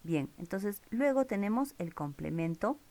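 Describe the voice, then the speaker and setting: A woman's voice: mid-range voice, expressive, unhurried, darkish tone. A woman teaching English grammar in a recorded lesson, explaining rules step by step and checking in with her viewers. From Peru.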